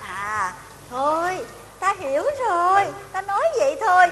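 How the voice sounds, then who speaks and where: A woman's voice: very high voice, very animated, normal speed, background noise. A woman playing a bossy, fussy fairy godmother who scolds and exclaims often. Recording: hall with long reverb.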